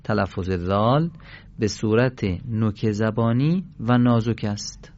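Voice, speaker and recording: Man teaching pronunciation, slow and deliberate. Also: on the low side, darkish tone, muffled recording. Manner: slow, deliberate, drawn-out syllable chanting. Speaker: Quran recitation teacher. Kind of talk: pronunciation lesson with drills.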